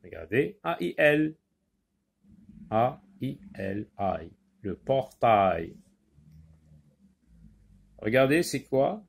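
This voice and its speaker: A man's voice: medium pitch, sing-song, extremely slow, vocal fry, long pauses, breathy edge. A man teaching a French spelling lesson, patiently repeating words and spelling them letter by letter.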